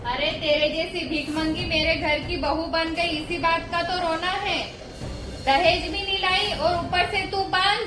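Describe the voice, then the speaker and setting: A woman voicing a harsh, scheming mother-in-law in an animated story, scolding and insulting. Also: extremely high pitch, unhurried, noisy background. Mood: scornful. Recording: echoey room from far off, music behind.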